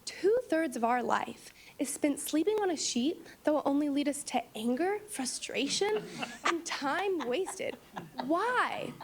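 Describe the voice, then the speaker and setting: High-pitched young woman giving a confident startup pitch. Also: expressive, normal speed, few pauses, a little mellow, slight background noise. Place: meeting room, standing before seated judges.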